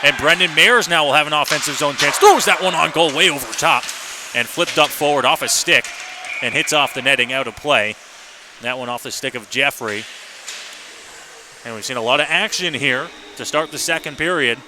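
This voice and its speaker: Calling live ice hockey for radio, this man narrates the play in clipped, running phrases from his broadcast spot at the rink. His voice is a little high and his pace moderate, heard over the noise of a live arena broadcast.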